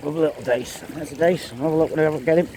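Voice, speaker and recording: An Englishman chats his way through a fishing trip, counting off each catch in a relaxed, mellow voice. He talks to a camera out in the open air by a flowing river, with a faint hiss of wind and water behind him. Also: on the high side, quick pace. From England. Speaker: angler vlogger. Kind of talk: casual running commentary while fishing. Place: outdoors on a windy riverbank, wading.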